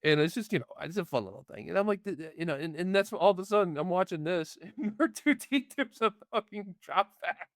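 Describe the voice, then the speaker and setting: A man's voice: sits high, animated, brisk, few pauses, no echo, studio quality. A man co-hosting a casual movie review podcast, laughing often and trading jokey asides. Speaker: podcast co-host.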